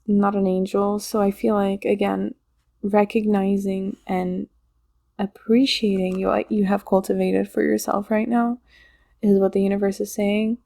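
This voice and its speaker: A woman's voice: mid-range voice, level tone, unhurried, vocal fry, warm tone. A woman giving a casual channeled tarot reading, chatty and rambling, laughing often and repeating herself. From Poland. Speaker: tarot reader.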